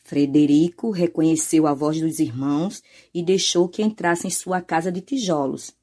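A woman's voice: deep voice, normal speed, mellow. A Brazilian woman, a teacher, narrating a children's story.

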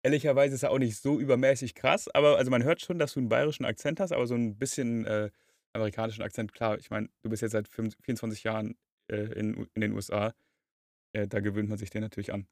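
A man chatting casually as an interviewer, colloquial and quick to chime in with agreement. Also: fairly low pitch, steady tone, darkish tone, no room sound, studio quality. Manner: colloquial, reacts with short affirmations. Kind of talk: casual chat.

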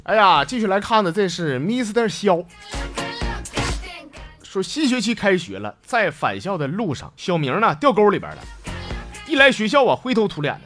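A man's voice: high-pitched, big pitch swings, moderate pace, fairly bright tone. A man with a Northeastern Mandarin accent hosting a comic storytelling show, chatty and laughing at his own jokes. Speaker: host. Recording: music bed behind the voice.

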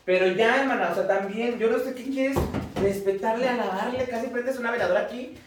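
A high-pitched man trades sassy teasing jabs as co-host. His voice sits far from the mic in a very echoey room with clear noise behind. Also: a little fast. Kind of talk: casual chat. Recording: roomy echo, away from mic, noise behind.

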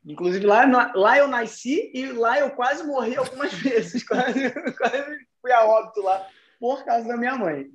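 A young man, telling an anecdote in casual chat, profane and animated. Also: very high-pitched, unhurried. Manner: profane, animated, slangy storytelling. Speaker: podcast storyteller.

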